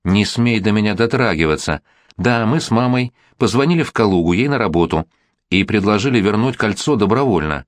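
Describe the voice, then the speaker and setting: A man's voice: fairly low pitch, lively intonation, brisk, no echo, studio quality, natural voice. A man voicing a cold, triumphant grown daughter in a read-aloud story, spiteful and clipped.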